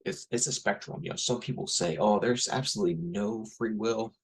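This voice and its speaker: A man's voice: lowish voice, fairly quick, a little hiss or hum, poor audio. A man in his thirties talking through a rambling, blunt casual monologue, full of fillers and restarts. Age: 30s. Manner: rambling, blunt, frequent fillers and self-corrections. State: has a headache. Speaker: podcast host.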